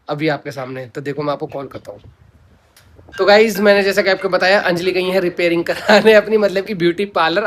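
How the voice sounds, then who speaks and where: A man's voice: fairly high pitch, fairly bright tone. Playful man vlogging casually. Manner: playful, teasing, stubborn on the call. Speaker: vlogger, husband. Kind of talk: casual vlog narration and phone call.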